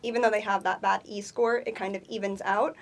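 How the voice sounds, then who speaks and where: A woman with a mid-range voice talks through her answers in an upbeat, explanatory way. She fills her pauses with frequent ums as an interview guest. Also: mid-range voice, steady tone, creaky. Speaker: co-founder guest. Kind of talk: conversational interview.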